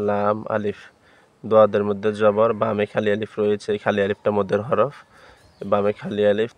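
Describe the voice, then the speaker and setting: A man teaching Quran reading from a primer, spelling out letters and marks, then chanting each syllable loudly and drawn out. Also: on the low side, no echo. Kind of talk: spelling-out Quran recitation lesson.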